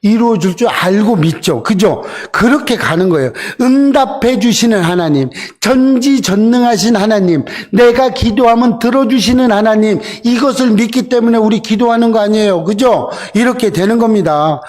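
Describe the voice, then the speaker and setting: A man's voice: sits high, expressive, moderate pace, hardly any pauses, a little mellow. A middle-aged male pastor preaching a sermon, often asking the congregation questions and acting out quoted lines. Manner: asks the congregation questions, answers with "그죠?"; voices Bible figures in quoted lines.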